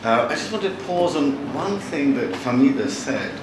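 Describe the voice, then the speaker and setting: A Bangladesh-born, London-raised novelist gives a live talk in a large hall with an audience, wry and chatty but halting, restarting often. His mid-range voice has a sing-song lilt. The distant mic picks up heavy hall echo and noise.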